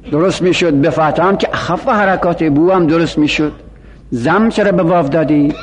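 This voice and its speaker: A man with a high voice lectures on grammar, asking rhetorical questions and answering them himself. His voice rings out with a long reverb, as if in a big hall. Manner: explanatory, rhetorical questions, speaks for the word itself. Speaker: Arabic grammar teacher. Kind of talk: classroom lecture on Arabic morphology.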